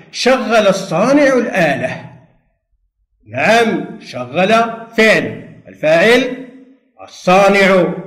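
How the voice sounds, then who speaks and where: A man teaching a primary school Arabic grammar lesson for television, speaking patiently and drawing out words, with pauses for pupils to answer. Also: on the high side, echoey room. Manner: patient, slow, drawn-out drilling with pauses for answers. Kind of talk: televised distance-learning lesson.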